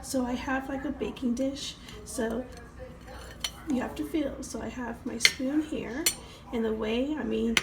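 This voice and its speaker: A woman's voice: fairly high pitch, fairly even intonation, measured pace, vocal fry, roomy sound. A woman vlogger with a cold, casually explaining a cooking routine step by step as she handles things in her home kitchen. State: has a cold. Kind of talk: casual vlog demonstration. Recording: noisy home kitchen recording.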